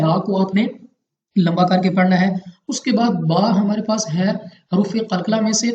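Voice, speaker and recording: A man's voice: high-pitched, warm tone, slight background noise. A man teaches recitation rules patiently, walking through each point step by step and repeating it for his students. His voice rings in a roomy space. The recording sounds dull and lo-fi. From Pakistan. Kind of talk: step-by-step tajweed lesson.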